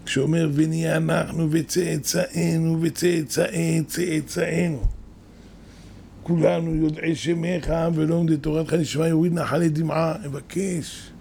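A man's voice: fairly high pitch, gravelly, mellow, slight background noise. A man, a rabbi, giving a sermon, telling stories with rising emphatic bursts.

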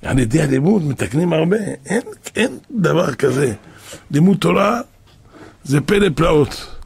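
A male preacher tells stories in a sermon, and his voice is strongly husky with deep gravelly fry. He sits a little higher in pitch than most men. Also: animated. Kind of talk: storytelling sermon.

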